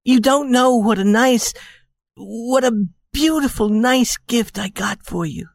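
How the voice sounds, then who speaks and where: A woman's voice: on the high side, takes it slowly, creaky, no room sound, full character voice. A woman acting a loving, eager young wife in a storybook tale, speaking in an earnest, pleading, emotive way. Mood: anxious, eager. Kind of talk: audiobook character dialogue.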